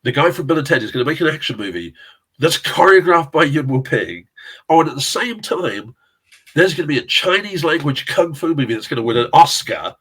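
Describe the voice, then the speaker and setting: On a rough recording, a middle-aged casting director and actor from South London chats casually, his husky, fairly bright voice pitched high with big swings and a slightly fast pace. The interview guest rambles through film-world stories, laughing a lot and swearing now and then.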